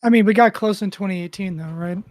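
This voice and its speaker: A co-host talks casually on a podcast in a relaxed, profane way. The voice sits in a middle range. The sound is dry and close to the mic. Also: medium pitch, quick pace, dry recording. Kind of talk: casual chat.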